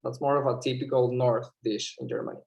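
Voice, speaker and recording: Man, impromptu answer, hesitant, repeats words, mid pitch. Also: flat delivery, a little fast, creaky, darkish tone. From Venezuela. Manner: hesitant, repeats words, searches for English terms. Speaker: club member giving an impromptu answer. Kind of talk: impromptu speech on a video call.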